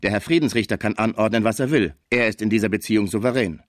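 A man voicing an indignant male lawyer who argues forcefully for his client. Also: fairly low pitch, fast talker, dry recording, studio quality, close to an everyday voice. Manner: forceful and protesting.

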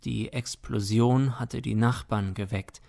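A man narrating a classic tale with solemn, dramatic weight. He reads slowly and deliberately, recorded close on a dry microphone. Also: medium pitch, fairly even intonation, gravelly, a little mellow, no room sound. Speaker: audiobook reader.

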